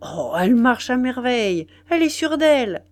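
A woman reading the lines of a middle-aged male inventor, a little louder than her narration, in an audiobook. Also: fairly high pitch, big pitch swings, moderate pace. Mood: cheerful, worried.

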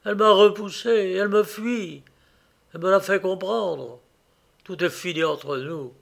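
Man reading as a heartbroken young guy, bitter and plaintive, highish voice, slow and loud. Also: gravelly. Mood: anguished. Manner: bitter and plaintive, rising in anguish.

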